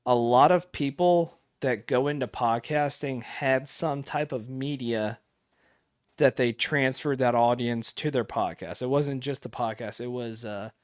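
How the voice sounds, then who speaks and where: A man's voice: medium pitch, measured pace, smooth, no room sound, studio quality. A man co-hosting a casual podcast, talking in a rambling way with many fillers and restarts. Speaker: podcast co-host. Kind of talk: casual chat.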